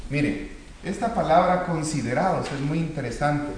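A man preaching a Bible teaching sermon, reading verses slowly and then asking and answering his own questions. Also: a little high, slight background noise. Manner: animated, swinging from loud to hushed.

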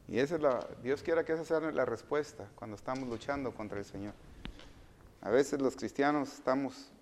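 A man preaching a sermon as pastor, asking the congregation questions and answering them himself, swinging between loud emphatic phrases and quiet asides. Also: mid-range voice.

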